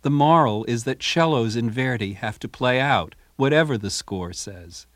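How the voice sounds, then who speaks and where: A man's voice: medium pitch, lively intonation, moderate pace, no room sound. Male music critic reading a review. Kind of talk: scripted radio review. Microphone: studio microphone.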